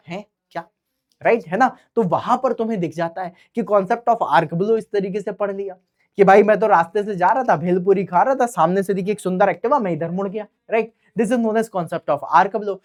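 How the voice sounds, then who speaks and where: A young man teaching a live online exam-prep class, chatty and keeps checking in with his students. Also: sits high.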